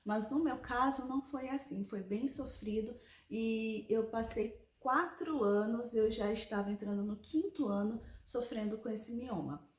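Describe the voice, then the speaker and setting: Fortyish woman vlogging about her health, chatty and explaining stuff, kinda high voice, roomy echo. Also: a little slow, a little mellow. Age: 40s. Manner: conversational, explanatory, with frequent tag questions. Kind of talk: personal health vlog. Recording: echoey room.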